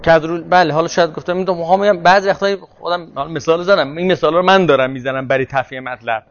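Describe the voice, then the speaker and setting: High-voiced man lecturing in a seminar. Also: highs cut off. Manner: explanatory, answers questions. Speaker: teacher.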